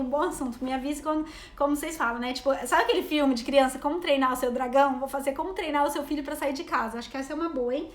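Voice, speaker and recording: In an echoey room, a high-voiced Brazilian woman in her thirties rambles on a live stream, chatting to viewers and reading their comments. She's a mother and travel vlogger who speaks with a Brazilian Portuguese accent.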